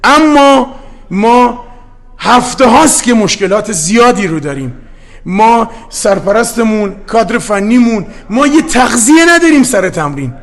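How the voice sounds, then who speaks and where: A middle-aged man from Gilan, a football head coach, speaking with a Gilaki-tinged accent in an impassioned, defiant post-match interview. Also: very high-pitched. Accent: Gilaki-tinged Persian. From Gilan, Iran.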